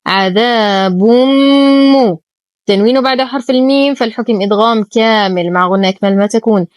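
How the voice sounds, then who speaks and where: A woman teaching Quran recitation rules, explaining each rule briskly between slow recited verses. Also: a little high, fairly even intonation, dry recording. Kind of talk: tajweed lesson with slow recitation.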